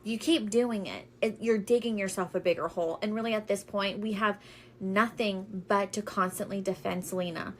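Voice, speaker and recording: Woman, catty, emphatic scolding, casual opinion talk, medium pitch, slight background noise. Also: steady tone, normal speed.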